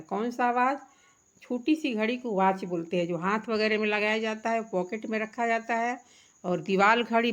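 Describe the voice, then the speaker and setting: Slow, patient woman teacher. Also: on the high side, fairly bright tone. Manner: patient, repeats questions and answers to children. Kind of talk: explaining a workbook lesson.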